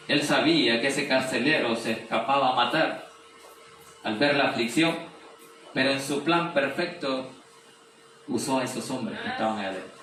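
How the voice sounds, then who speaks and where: A man's voice: mid-range voice, pushed and bright. A man preaching a sermon, explaining scripture, reading verses aloud and asking rhetorical questions. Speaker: pastor. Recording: very echoey room, distant mic, faint noise.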